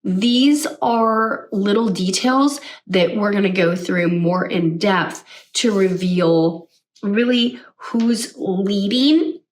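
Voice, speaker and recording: High-energy woman coaching, slightly off-mic. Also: slow pace, distant mic. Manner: energetic, conversational, often asks "right?". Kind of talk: teaching to camera.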